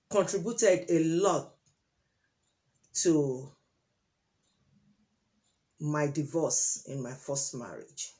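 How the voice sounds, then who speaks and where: Speaking to camera, a Nigerian woman vlogger, Yoruba being her first language, delivers her views in a low-pitched, slightly mellow voice. Her pace is deliberate and full of pauses and fillers, growing emphatic when she hits key points.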